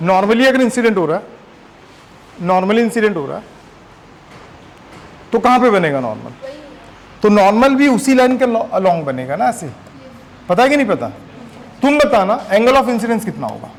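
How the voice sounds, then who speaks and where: High-voiced man teaching a class. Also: low-quality recording. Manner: questioning the class often, mixing in English terms. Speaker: physics teacher. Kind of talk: classroom lecture.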